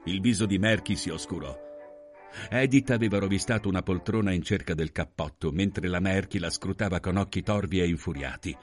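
A man narrating a literary novel in a measured, expressive reading. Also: low-pitched, faint music behind. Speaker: audiobook reader.

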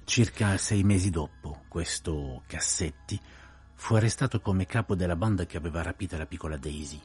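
An actor playing a precise, courteous older detective in a radio play, telling events in a measured, grave way. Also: male voice, low-pitched, a little mellow, close to an everyday voice.

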